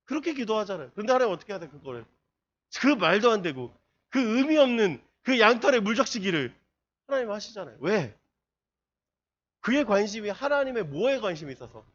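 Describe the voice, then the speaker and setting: Give me a man preaching to teenagers, lively and questioning, on a muffled recording. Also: high voice, a little fast. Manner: peppers listeners with rhetorical questions. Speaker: youth pastor. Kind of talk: youth group sermon. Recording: dull lo-fi sermon recording.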